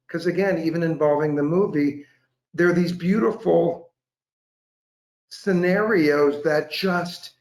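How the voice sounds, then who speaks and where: A man in his forties talking on a video call from home, telling a story with impassioned, animated energy. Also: on the high side. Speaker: guest. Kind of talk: casual interview chat. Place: home room with large windows. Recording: echoey room.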